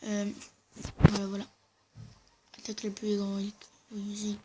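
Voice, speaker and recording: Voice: mid-range voice, completely flat delivery, heavy background noise. A speaker with braces slightly affecting their speech, giving casual, hesitant gameplay commentary and often correcting themselves. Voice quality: slurred, slightly odd speech from wearing dental braces. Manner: hesitant, halting, self-correcting. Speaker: gaming video host.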